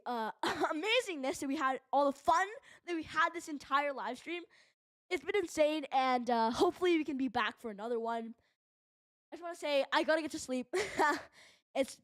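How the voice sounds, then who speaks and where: High-voiced excited fan streamer, woman. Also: no room sound, clean studio sound. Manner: rapid excited calling, rambling chat asides. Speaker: live stream host. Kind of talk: fan play-by-play commentary.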